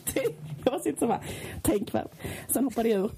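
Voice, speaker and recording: A woman co-hosting a podcast, telling stories in an animated, chatty way. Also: a little high, gravelly, background noise. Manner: animated storyteller, chatty with fillers. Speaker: podcast co-host. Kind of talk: casual chat.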